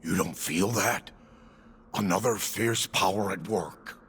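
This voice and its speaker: In a video game, a male actor voices a boastful, melodramatic warrior who roams between dimensions. His gravelly delivery is slow, heavily acted, grandiose, and florid, shifting from hushed tones to booming ones in a theatrical, dramatic mood.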